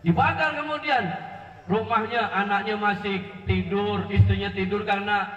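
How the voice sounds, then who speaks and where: High-voiced male preacher in an echoey hall. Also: normal speed. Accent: Pontianak Malay. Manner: animated, acts out characters, jokes with the audience. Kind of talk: sermon storytelling. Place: large hall at a religious gathering. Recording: echoey hall from far off, dull lo-fi.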